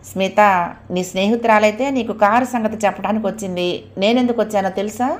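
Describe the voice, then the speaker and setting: A man's voice: high voice, steady tone, quick pace, natural voice. A woman reading the lines of a cheerful young husband who teases his friends. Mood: teasing. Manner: teasing, lighthearted.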